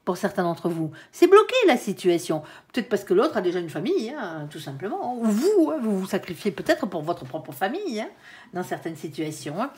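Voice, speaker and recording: Lively woman reading tarot. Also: medium pitch, a little fast. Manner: frequent tag "hein", conversational and reassuring; stumbles over words. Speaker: tarot card reader. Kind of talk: tarot reading addressed to viewers.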